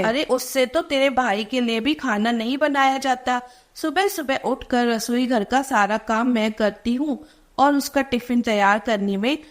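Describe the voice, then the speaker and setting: A woman's voice: fairly high pitch, lightly acted. A woman voicing an elderly mother who speaks in a weary, sorrowful way. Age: older. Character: older mother, tired and regretful, gentle.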